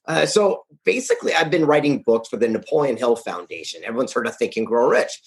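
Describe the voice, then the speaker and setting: A man speaking as an interview guest, his voice sitting in a middle pitch. He sounds upbeat and punchy, making his points in a blunt, casual way. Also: expressive, brisk, creaky. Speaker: guest, author and event founder. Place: Carlsbad, California.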